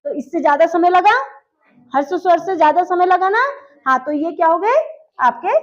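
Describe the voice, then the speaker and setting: A woman's voice: extremely high pitch, normal speed. A woman teacher giving a grammar lesson, asking her class questions and answering them herself. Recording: dull lo-fi sound.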